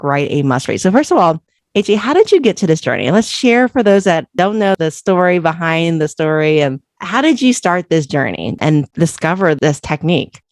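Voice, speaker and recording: A woman podcast host reading a book excerpt aloud in an earnest, expressive way, then interviewing her guest. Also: sits low, dry recording, studio quality.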